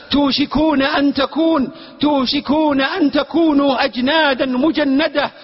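A man preaching a sermon with passion, at times chanting and shouting. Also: very high voice. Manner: impassioned, with chanted and shouted passages. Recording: reverberant hall, dull lo-fi sound.

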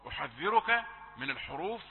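A man teaching Quran recitation rules, slowly drawing out letters and correcting mistakes. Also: a little high, big pitch swings. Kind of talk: tajweed lesson with recited examples. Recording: tinny phone-like audio with long reverb.

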